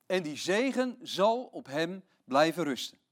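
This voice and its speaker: A man voicing an aged, sorrowful father who answers gravely in a Bible reading. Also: a little high, very animated, measured pace. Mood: shaken.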